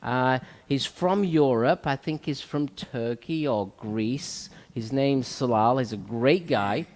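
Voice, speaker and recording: A man's voice: medium pitch, slow pace, darkish tone. A man hosting a talk show, speaking earnestly and motivationally as a salon owner, repeating his key points. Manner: earnest, repetitive, motivational, with frequent fillers. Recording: long hall reverb.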